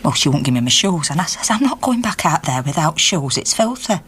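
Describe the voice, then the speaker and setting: Here the actress takes a defiant tone as the middle-aged Yorkshire miner's wife, an indignant activist recounting her story conversationally and performing the dialogue in a naturalistic radio drama. Her low voice is sing-song, fairly bright and a little fast, with slight background noise.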